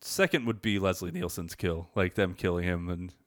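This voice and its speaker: A man's voice: low-pitched, normal speed, no room sound, clean studio sound. A man hosting a podcast in casual chat, joking and telling stories animatedly. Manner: animated, joking, lively storytelling. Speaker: podcast host.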